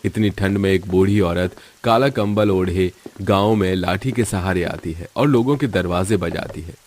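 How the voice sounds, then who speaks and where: A man's voice: low-pitched, normal speed, darkish tone. A man in scripted narration of a cartoon story, telling it evenly.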